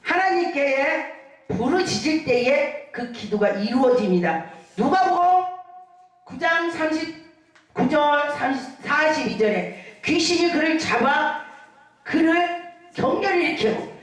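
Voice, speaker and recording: A woman pastor preaching a lively sermon, calling out hallelujahs and acting out the people in her stories. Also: sits high, slow pace. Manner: animated preaching with shouted hallelujahs and acted-out quotes. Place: church hall. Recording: echoey hall from far off.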